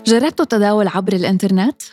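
A woman's voice: mid-range voice, lively intonation, rapid-fire, music in the background. A woman with a Levantine Arabic accent, presenting a podcast and interviewing as its host.

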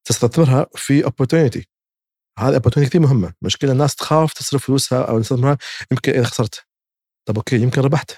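Brief: male guest, rapid and emphatic, slightly husky, dry close sound. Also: mid-range voice, a little mellow, no room sound. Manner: emphatic, acts out other people's words. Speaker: guest investor. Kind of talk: casual interview advice.

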